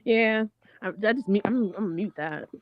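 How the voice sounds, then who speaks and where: A woman's voice: mid-range voice, brisk, dry recording. Rambling woman caller on a dull line. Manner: rambling, filler-heavy, blunt. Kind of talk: call-in opinion. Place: at work. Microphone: phone. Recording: dull dry phone audio.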